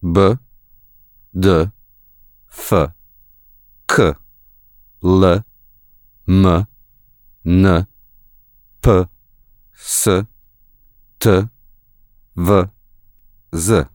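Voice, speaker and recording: A man reading as a pronunciation model for a language lesson, giving single sounds slowly and separately. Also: low-pitched, steady tone, a little mellow, no room sound, clean studio sound. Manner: slow, isolated enunciation of single sounds.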